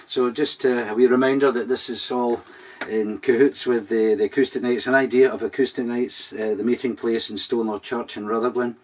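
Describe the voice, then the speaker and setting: A Scottish man performing a live-streamed show, chatting casually between songs in a rambling, halting way with many fillers. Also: medium pitch, fairly even intonation. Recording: distant mic in a live room. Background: acoustic guitar.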